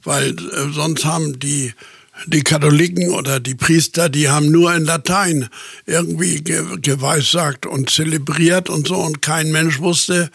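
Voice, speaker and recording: A man's voice: fairly high pitch, fairly even intonation, measured pace, gravelly, fairly bright tone, slightly rough, dry recording, studio quality. A man talking casually and hesitantly, with fillers and tag questions. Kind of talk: casual conversation.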